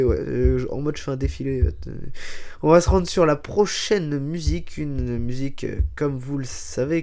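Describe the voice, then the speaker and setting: A man's voice: a little high, a little mellow. A man hosting a show, rambling through a crude comic monologue with frequent laughs before introducing a song. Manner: jokey, laughs a lot, crude asides and silly voices. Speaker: show host introducing music.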